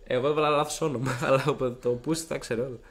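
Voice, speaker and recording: A young man with a hoarse, gravelly voice, co-hosting a podcast and telling a rambling story with lots of restarts. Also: medium pitch. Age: young adult. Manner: animated, rambling, frequent restarts and acted-out quotes. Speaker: podcast co-host. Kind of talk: casual storytelling chat.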